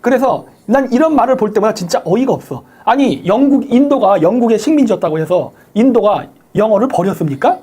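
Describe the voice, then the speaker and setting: A woman hosting a live stream, giving sharp political commentary, sarcastic and combative, firing rhetorical questions and thanking viewers by name. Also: fairly high pitch, lively intonation, a little fast, few pauses, breathy edge. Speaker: livestream host thanking viewers for donations.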